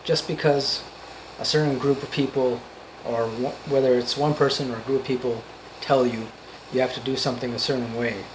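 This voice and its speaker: A man giving an off-the-cuff motivational monologue, earnest and emphatic, in halting phrases that repeat for emphasis. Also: medium pitch, steady tone, noisy background. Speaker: amateur motivational speaker.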